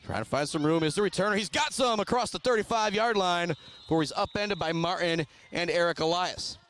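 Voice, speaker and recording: Excitable high-voiced man calling football. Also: brisk, a little hiss or hum. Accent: Michigan. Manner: excitable, rises to shouting on big plays. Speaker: play-by-play announcer. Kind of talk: radio sports commentary.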